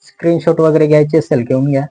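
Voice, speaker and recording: A man with a Marathi accent teaching English pronunciation in a slow explanatory lesson, repeating each word and its meaning patiently. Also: fairly high pitch, steady tone, dark tone, rough recording.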